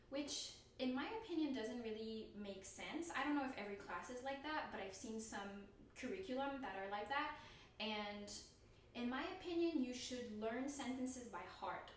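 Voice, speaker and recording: A chatty woman vlogger with a slightly high voice, talking loosely and laughing often. She sounds a bit far from the mic in a very echoey room, with faint noise behind her. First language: Indo-European language. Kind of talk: casual talk to camera.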